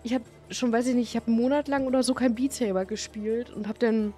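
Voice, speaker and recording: A woman's voice: fairly high pitch, steady tone, fast, mellow. A woman streamer giving casual, playful and chatty commentary while she plays a video game. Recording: faint game music behind. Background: faint music from the game.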